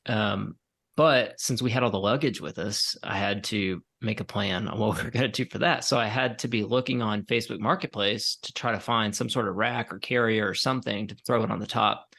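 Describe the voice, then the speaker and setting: A man in his forties co-hosting a podcast, telling a rambling story in a relaxed, tired way with many fillers. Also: fairly low pitch, a little fast, creaky. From Colorado, USA. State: tired, yawning. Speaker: podcast co-host. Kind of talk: casual chat.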